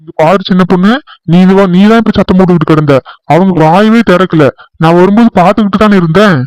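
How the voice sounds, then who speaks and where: A man in a comedy skit scolding sternly, sounding weary and fed up. His voice is smooth and clear and sits fairly high, recorded dry and close. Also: quick pace, a little mellow, no room sound, poor audio.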